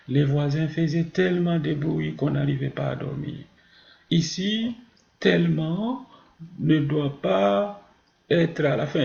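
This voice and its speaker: This is a French teacher, a man with a fairly high, gravelly and slightly mellow voice, giving a grammar lesson. He explains things didactically, offers examples and answers his own questions. The recording sounds muffled, roomy and echoing.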